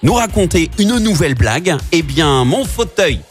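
Playful man hosting lively morning radio. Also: a little high, normal speed, faint music behind. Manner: playful, joking, some hesitant restarts. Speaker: radio show host. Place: radio studio. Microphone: studio microphone.

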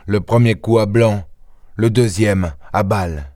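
A man voicing an impatient, gruff middle-aged police inspector who talks in an excitable, insistent way, for an audiobook. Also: lowish voice, unhurried, no echo, studio quality, voice pushed down, lightly acted. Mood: confident. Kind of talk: audiobook character voice.

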